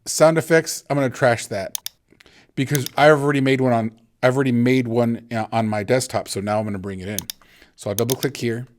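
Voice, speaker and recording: A man's voice: mid-range voice, fairly even intonation, fairly quick, slight background noise. A man teaching video editing in a casual, rambling way, thinking aloud and often restarting his sentences. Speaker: instructor. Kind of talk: screen-recorded video editing tutorial.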